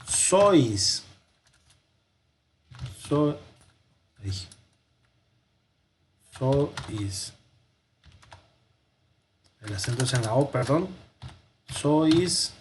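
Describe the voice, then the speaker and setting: A man teaching a recorded Latin lesson, speaking slowly, repeating forms for dictation and correcting himself aloud. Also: mid-range voice, animated, slight background noise.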